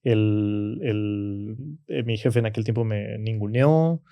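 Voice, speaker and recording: A man with a Mexican Spanish accent, telling personal stories in a relaxed talk and tagging his phrases with "¿no?" and "o sea". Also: on the low side, takes it slowly, no room sound, dull audio. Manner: frequent "¿no?" and "o sea" tags, acts out quoted voices. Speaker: podcast guest. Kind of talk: casual conversational storytelling.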